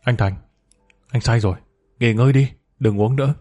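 A man's voice: medium pitch, moderate pace, dark tone, close to an everyday voice. Man doing a worried sober young doctor. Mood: concerned. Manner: firm, concerned.

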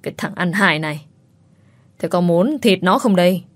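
Woman voicing a gruff lecherous old man. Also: fairly low pitch, moderate pace, no room sound, lightly acted. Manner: gruff, scolding, leering. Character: lecherous bossy old man in his sixties.

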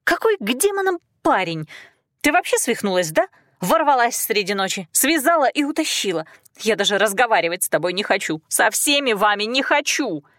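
A frightened captive girl pleads and snaps in a high, shrill, tearful voice, as a woman reader puts her on. She whines and sobs but keeps talking back with defiant force. The audiobook sound is close and dry. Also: sing-song, normal speed, a bit bright, no echo. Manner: shrill, whining and sobbing.

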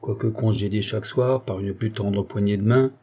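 Male audiobook narrator, mellow and slightly raspy, measured literary reading. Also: fairly low pitch. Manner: steady, expressive literary reading. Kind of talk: reading a classic novel aloud.

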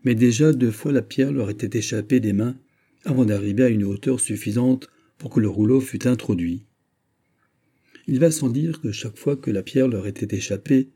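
A man narrating a classic novel as an audiobook in a measured reading. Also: medium pitch, warm tone, slightly rough.

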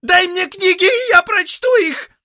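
A man voicing a desperate, furious woman with a shrill, pleading, shouting delivery. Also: a little slow, dry recording, studio quality, exaggerated voice. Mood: frantic. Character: desperate, furious woman seeking forbidden knowledge. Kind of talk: audiobook character voicing.

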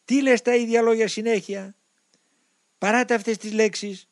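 A man voicing a male demon possessing a monk, shouting threats and mockery. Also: extremely high pitch, fairly even intonation, no echo, studio quality, voice pushed up. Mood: furious.

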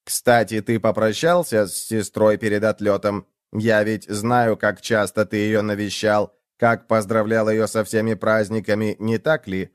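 A man's voice: lowish voice, little pitch movement, a little slow, few pauses, clear, resonant tone, no room sound, studio quality, close to an everyday voice. A man voicing a sneering male ship computer that needles and mocks a young man in a cold, sarcastic way. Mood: mocking.

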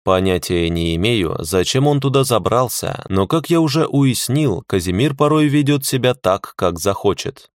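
A man's voice: mid-range voice, lively intonation, moderate pace, few pauses, no echo, clean studio sound. A man narrating an audiobook in the first person, wry and matter-of-fact.

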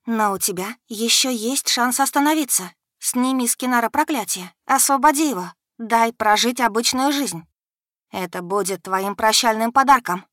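A woman doing a defiant shouting young girl. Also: a little high, moderate pace, no room sound, studio quality, pitched above the performer's own voice, close to an everyday voice. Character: young human girl in love, defiant and bold.

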